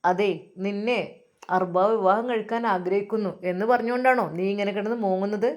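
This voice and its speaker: A woman's voice: mid-range voice, fairly even intonation, a little fast, a little mellow, lightly acted. A woman voicing a jealous older housemaid who scolds and mocks. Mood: scornful. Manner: scolding, mocking. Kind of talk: storytelling voice acting.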